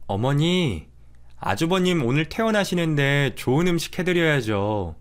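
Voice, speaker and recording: A man's voice: a little high, sing-song, moderate pace. A man voicing a young pregnant daughter-in-law in a radio drama story, polite but unyielding. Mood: calm firm.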